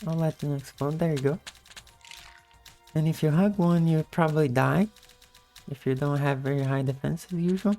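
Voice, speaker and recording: A woman with a low-energy, just-woke-up morning voice giving a casual gameplay tutorial in commentary style. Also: normal speed, pauses often, mellow, soft background music. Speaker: video game guide narrator.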